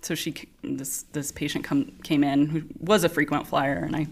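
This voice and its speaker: A woman's voice: sits low, moderate pace, a little hiss or hum. A woman in her thirties telling stories from her nursing work in a casual chat, laughing often and acting out the people in them. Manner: animated, laughing, acts out voices in her stories. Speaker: podcast guest, nurse.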